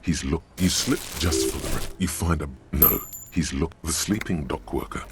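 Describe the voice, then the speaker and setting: A man's voice: rumbling low, normal speed, very noisy. A man reading a video game's narration aloud, stumbling and restarting as he goes. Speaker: player reading game text aloud.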